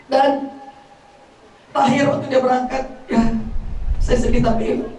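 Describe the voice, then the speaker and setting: Speaking as a daughter at a funeral gathering, this North Sumatran woman in middle age recounts tender family memories and repeats her relatives' words. Her high, gravelly voice has a dark quality, staying steady and unhurried. There's a faint hiss or hum, plus echo from a distant mic.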